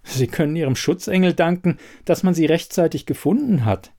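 Matter-of-fact female nurse, read by a man, lifted pitch, audiobook. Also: a little fast, a little mellow. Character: calm professional female hospital nurse. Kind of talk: audiobook reading.

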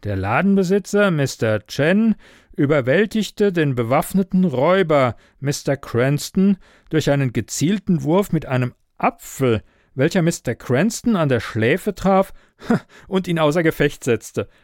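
A man's voice: on the high side, lively intonation, measured pace, darkish tone, dry recording, clean studio sound, voice pushed up. A man voicing a chuckling police officer. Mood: amused. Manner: breaks into chuckles while reading aloud. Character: Irish male police officer, amused, embarrassed. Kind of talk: audiobook character voice.

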